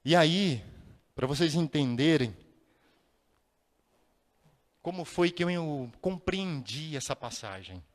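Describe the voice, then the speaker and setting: A man giving a spiritist lecture, telling a personal story with dramatic pauses and sudden rises in his voice. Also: on the high side, lively intonation. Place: large lecture hall. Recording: long reverb of a lecture hall.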